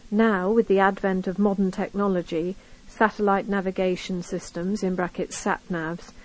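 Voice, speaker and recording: British woman, medium pitch, reading out community news articles for a recorded magazine, scripted narration. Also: darkish tone, poor audio. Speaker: reader of a recorded local magazine.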